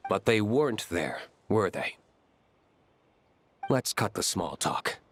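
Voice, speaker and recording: Curt, slow, deep-voiced knight, game music behind. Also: male voice, very animated, a little hiss or hum. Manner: curt, businesslike. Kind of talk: game voice acting. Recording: game audio with faint music.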